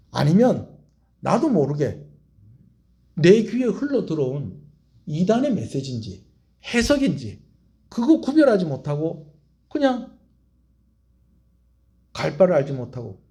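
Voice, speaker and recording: A middle-aged male pastor preaching a sermon, asking the congregation questions and acting out quotes. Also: on the high side. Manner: animated, asks the congregation questions and acts out quotes.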